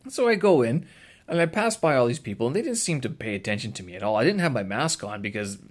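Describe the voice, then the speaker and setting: A man's voice: mid-range voice, very animated, fast talker. A man vlogging, casually recounting an everyday story in a rambling, self-interrupting way with chuckling asides.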